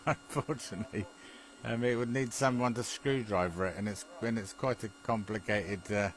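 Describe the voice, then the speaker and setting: Over a rough recording, a mid-range male voice comes from a British radio hobbyist chatting informally about technical details, tentative, chuckling and looping back over his own words.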